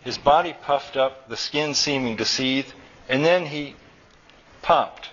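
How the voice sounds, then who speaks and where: A man reading his own story aloud at a college event, in steady, plain narration. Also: medium pitch, slow pace. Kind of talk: live fiction reading. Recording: dull lo-fi live recording.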